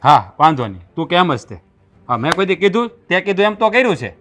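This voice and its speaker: An actor with a Kathiawadi Gujarati accent playing a meek village husband who keeps trying to calm his wife. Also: sits high, fast talker. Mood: placating. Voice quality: soothing, pleading, tries to calm her. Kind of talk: Gujarati family drama acting.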